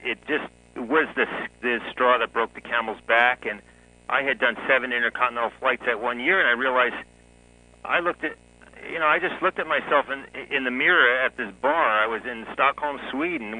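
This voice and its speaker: A man in his forties, a guest author, telling his life story in a relaxed interview, often chuckling. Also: medium pitch, fairly quick, low-quality recording. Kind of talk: conversational interview.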